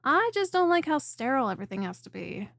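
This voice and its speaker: Very animated and quick, this performer's exaggerated take on a snake-bodied monster girl chiropractor sounds high and very dry, close to the listener with no echo or room sound. The ASMR roleplay delivery stays soft and attentive, clingy and coaxing, with a teasing edge, and her mood is wry and candid.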